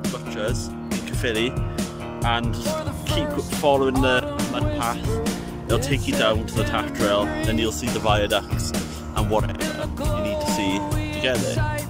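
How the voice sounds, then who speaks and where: A hiking vlogger in his twenties with a South Wales accent chats casually and thinks aloud while walking a woodland trail. His voice is mid-range, captured by a handheld camera at arm's length, with music playing behind.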